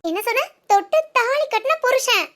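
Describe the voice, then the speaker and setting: A woman playing a young wife who is sulking at her husband, scolding him sharply and musing softly to herself in a comic family skit. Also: very high-pitched, animated, normal speed, heavily acted. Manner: sharp scolding, then soft musing alone. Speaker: actress in a village family skit. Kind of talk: comic family drama acting.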